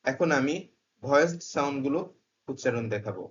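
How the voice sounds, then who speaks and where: A man's voice: medium pitch, lively intonation, brisk. A man teaching English pronunciation to Bengali speakers, sounding out each vowel and consonant and example word one at a time. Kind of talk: slow, deliberate pronunciation lesson. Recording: dull, lo-fi recording.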